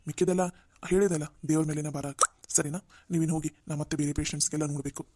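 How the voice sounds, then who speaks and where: A woman's voice: sits low, fairly even intonation, a little hiss or hum, lightly acted. A woman doing a grave male cartoon doctor. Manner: measured, gently firm. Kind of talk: Kannada cartoon voice acting.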